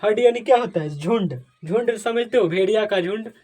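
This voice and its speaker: Brisk in pace, with a dark tone to his high voice, an English teacher runs through pronunciation rules in Hindi. He fires off questions and answers them, repeats his points, and calls on his dear friends to comment.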